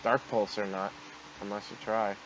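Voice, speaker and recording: A man's voice: fairly low pitch, level tone, moderate pace. A man giving casual commentary as he hosts a gameplay video. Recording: dull noisy home microphone.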